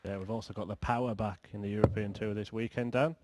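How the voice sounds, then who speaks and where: A man's voice: fairly low pitch, steady tone, fast talker. A man commentating live on a darts match, describing the play and the players. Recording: very noisy live sports broadcast.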